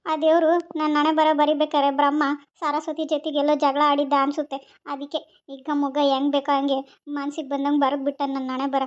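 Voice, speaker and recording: A young woman playing a patient, sorrowful wife who quietly pours out her troubles in a resigned lament, on a dull lo-fi recording. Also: high voice, little pitch movement, moderate pace, natural voice. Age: young adult.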